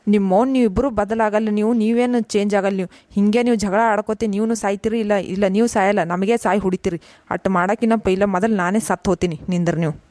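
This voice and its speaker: Woman doing a fed-up cartoon husband, North Karnataka accent, rapid scolding, dry close sound. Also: mid-range voice, steady tone, mellow, no room sound, close to an everyday voice. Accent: North Karnataka Kannada. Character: exasperated adult son and husband caught in family fights. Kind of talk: cartoon voice acting.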